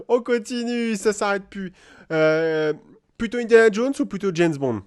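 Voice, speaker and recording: A man from France hosting a casual live chat, lively and playful, laughing often. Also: high-pitched, takes it slowly. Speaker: host. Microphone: live video call.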